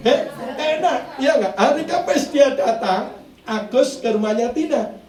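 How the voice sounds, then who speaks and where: A man's voice: extremely high pitch, unhurried. Male preacher, playful call-and-response style; heard from a distance in an echoey hall. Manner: lively, jokey, asks the congregation questions, mixes in Javanese. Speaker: pastor. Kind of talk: sermon. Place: church.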